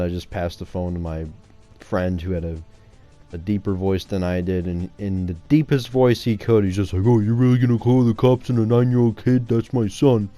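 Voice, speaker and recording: A man's voice: low voice, dark tone. A man in his twenties casually telling a story on his channel, rambling and swearing freely. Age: 20s. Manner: rambling, profane, laid-back. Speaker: YouTuber.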